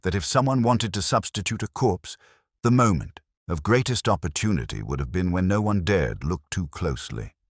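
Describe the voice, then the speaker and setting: In an audiobook mystery, a man voices a commanding Victorian detective with an extremely deep yet expressive, slightly rough voice, heavily acted and animated. Recorded close and dry with no echo, his delivery is precise, deliberate and coolly deductive, measured and decisive in mood.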